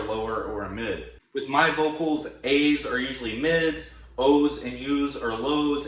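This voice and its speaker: Male tutorial instructor, informal and plain-spoken, mid-pitched, heavily reverberant room. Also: a bit bright. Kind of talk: casual explanatory tutorial. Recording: very echoey room.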